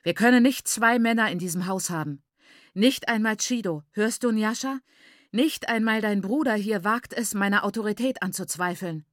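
A woman voicing an enraged, domineering middle-aged father who shouts and berates his daughter. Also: medium pitch, moderate pace, no room sound, studio quality, lightly acted. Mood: threatening.

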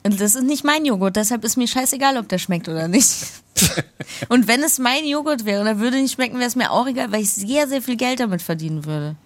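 A woman's voice: a little high, animated, brisk, no echo. Blunt, playful woman in casual chat. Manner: blunt, playful, laughs often.

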